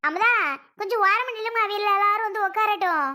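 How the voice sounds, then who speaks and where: Casting: bright, high-voiced woman, scolding and teasing across a comic skit. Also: fairly quick. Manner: scolding, teasing, switches between several characters. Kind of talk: comic village skit acting.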